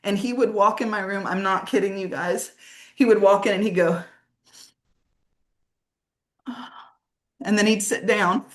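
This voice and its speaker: A woman teacher telling a personal story in casual chat, emotional and tearful, halting with many restarts. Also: medium pitch, steady tone. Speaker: teacher and guest.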